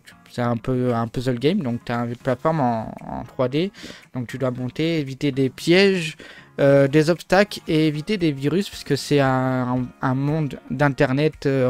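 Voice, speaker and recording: A man's voice: mid-range voice, darkish tone, clear, resonant tone. A man whose first language is French, casually rambling through game overviews with jokes, many fillers and restarts. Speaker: gaming video host.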